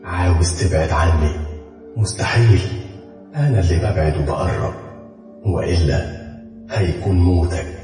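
A man's voice: low voice, moderate pace, long pauses, heavy reverb, big-room sound, music in the background, natural voice. A man voicing a possessive, menacing female spirit in a spoken horror story, speaking with an Egyptian Arabic accent.

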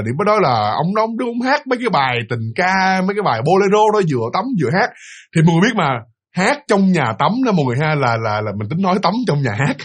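A man's voice: fairly high pitch, breathy edge. A young man telling a ghost story in a chatty way, often repeating and stumbling over words. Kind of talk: casual ghost story narration.

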